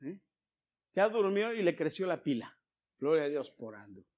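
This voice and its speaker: A man's voice: a little high, big pitch swings, normal speed, darkish tone, muffled recording. A man from Mexico with a Mexican Spanish accent, preaching a sermon in a church, telling stories and asking his congregation questions. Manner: storytelling, asks the congregation questions.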